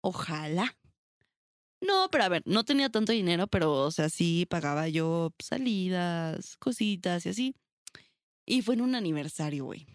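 A woman's voice: on the low side, moderate pace, no room sound, studio quality. Blunt, foul-mouthed young Mexican woman. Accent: Mexican Spanish. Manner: blunt, swears freely, animated storytelling. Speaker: podcast co-host. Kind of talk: casual chat.

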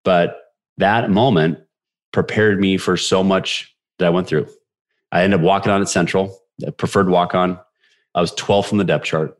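Podcast guest, man in his 40s: very low, deep voice; brisk, animated storyteller. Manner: animated, quick storyteller who acts out quoted dialogue. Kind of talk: personal storytelling in a podcast interview.

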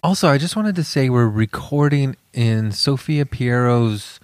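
Guy podcast cohost, deadpan rambly joking chat, dry recording, mid pitch. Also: measured pace, clean tone, dry recording. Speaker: comedy podcast co-host. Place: warehouse used for recording.

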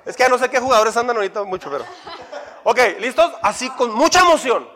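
A man's voice: extremely high pitch, lively intonation, fast, sharp tone. A man with a Mexican accent, a pastor leading a playful, interactive Bible workshop and chanting lists together with his congregation. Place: church hall with a live congregation. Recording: reverberant hall, faint crowd.

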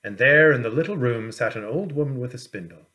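Narrating a storybook for an audiobook, this man speaks in a mid-range voice. He tells the tale in a measured, expressive way.

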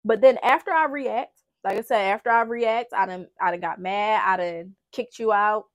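Hosting a podcast, a woman speaks at a moderate pace in a mid-range voice. It's candid relationship talk, and her advice comes out blunt, profane, casual, and emphatic.

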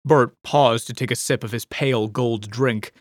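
A man reads a story aloud at a steady, measured pace with a mid-range voice. The recording is close and dry, with no room sound. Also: mid-range voice, no echo. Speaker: narrator. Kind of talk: audiobook narration.

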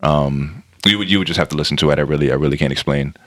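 A man's voice: rumbling low, very fast, a bit bright. A man chatting casually as a podcast panelist, rambling and repeating his phrases as he goes. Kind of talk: casual chat.

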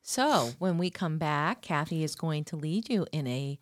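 Low-voiced woman hosting a podcast. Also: animated, unhurried, no room sound, clean studio sound. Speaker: podcast host. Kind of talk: casual interview chat.

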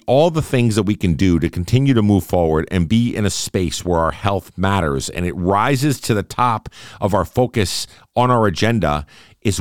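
A man in his late forties speaks with a very low, deep voice into a close, dry microphone. He hosts a solo podcast in an earnest, conversational way, repeating phrases and checking in with his listeners. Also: dry recording. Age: 40s. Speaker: podcast host.

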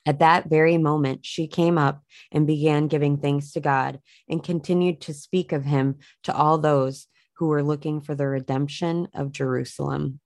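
A woman with a low, grounded voice reads Bible passages aloud as a show host. Between passages she speaks earnestly, pausing and filling gaps with "um" and "you know." The recording is close and dry. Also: fairly even intonation, darkish tone, dry recording. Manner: earnest, halting with fillers when speaking off the cuff. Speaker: podcast host reading scripture. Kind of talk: Bible reading with informal reflection.

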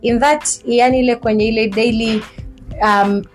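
A woman co-hosting a relaxed podcast chat, her voice sitting fairly high. She is chatty and playful and keeps chiming in with agreeing murmurs, over faint background music. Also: moderate pace. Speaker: podcast co-host. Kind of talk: casual chat.

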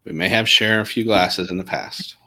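A man's voice: lowish voice, fairly even intonation, moderate pace, sharp tone. A man co-hosting a casual live chat, tossing in dry, wisecracking remarks. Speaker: podcast co-host.

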